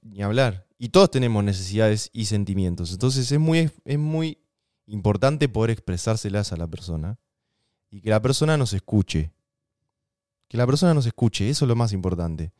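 An Argentine man talks through relationship advice in a loose, conversational way, leaning on slang and everyday examples. His voice is smooth and clear. The sound is dry and close. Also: on the low side, expressive, moderate pace, a little mellow, no room sound. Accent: Rioplatense Spanish. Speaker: podcast co-host. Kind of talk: casual relationship advice chat.

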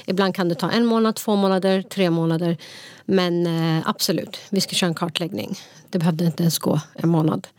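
On a podcast she co-hosts, a woman recounts a personal story in relaxed conversation, peppering it with fillers and English phrases. Her voice is on the low side, steady and a little mellow.

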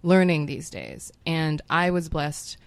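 Wry, self-mocking woman with a low voice. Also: lively intonation, vocal fry, no echo. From Hong Kong. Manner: wry, rapid, self-mocking, swears freely. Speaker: guest writer. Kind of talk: casual podcast chat.

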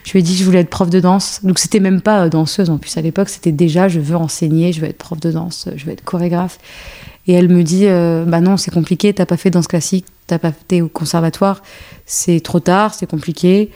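Guesting on a casual conversational interview, this woman in her thirties works as a choreographer and dance teacher; she was born in Algeria and grew up in a French suburb. She speaks a little fast in a warm, steady, fairly low voice, full of fillers and restarts.

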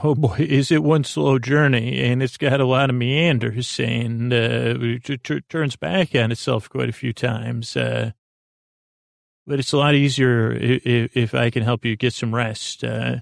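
A man hosting a bedtime podcast in a gentle, reassuring, informal way, meandering and halting with many false starts, in a creaky, gravelly voice. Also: medium pitch, no room sound, clean studio sound. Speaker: podcast host. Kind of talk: rambling, soothing bedtime podcast monologue.

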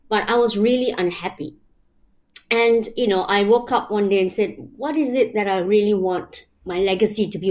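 A Malaysian woman, a guest in an interview, speaks in a mid-range voice with a slightly mellow quality. She reflects casually on her ideas and lays them out in numbered steps, filling her speech with "you know."

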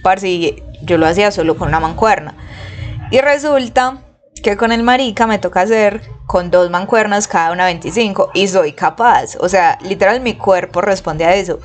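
A woman's voice: mid-range voice, normal speed. A young woman with a Colombian accent, telling a personal story in casual, slangy talk and acting out the quotes. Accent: Colombian Spanish. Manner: slangy, animated, acts out quotes.

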